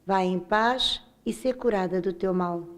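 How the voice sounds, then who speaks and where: A woman's voice: mid-range voice, measured pace. Portuguese woman reading scripture. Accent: European Portuguese. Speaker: scripture reader. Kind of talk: reading aloud.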